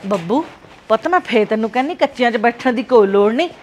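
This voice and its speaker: A woman's voice: on the high side, animated, fast talker, slight background noise, natural voice. A middle-aged woman acting a worried mother who coaxes and fusses over her grown son. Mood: fussing. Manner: fussing, coaxing, motherly.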